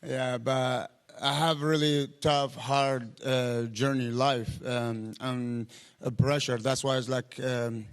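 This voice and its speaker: Iraqi guy in an arena interview, halting, lots of ums, voice pretty flat, mid pitch. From Iraq. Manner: halting, searching for words, many fillers. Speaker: fighter guest. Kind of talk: interview answers. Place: indoor arena venue.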